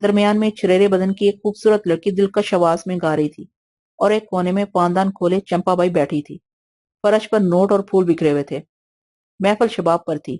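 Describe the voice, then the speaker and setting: A woman narrating an audio novel in a steady, even storytelling manner. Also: on the low side. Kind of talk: scripted narration.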